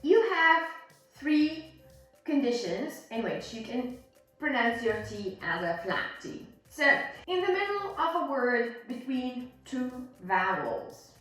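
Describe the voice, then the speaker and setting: High-voiced woman teacher, very echoey room. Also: very animated, takes it slowly, fairly bright tone. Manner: demonstrates words and sounds, checks understanding with short questions. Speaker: pronunciation teacher. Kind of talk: instructional lesson on American English sounds. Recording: very roomy echo, distant mic, faint music.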